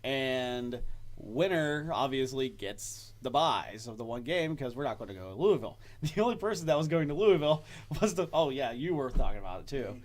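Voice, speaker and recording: A man's voice: mid-range voice, expressive, normal speed. A man hosting a casual podcast, telling stories with frequent laughter. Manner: storytelling, laughs often. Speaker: podcast host. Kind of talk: casual chat.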